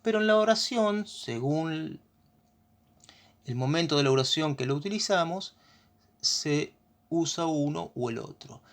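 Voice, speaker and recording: A teacher with an Argentine accent and a mid-range voice explains grammar during a lesson. The delivery is patient, with frequent short questions to check understanding.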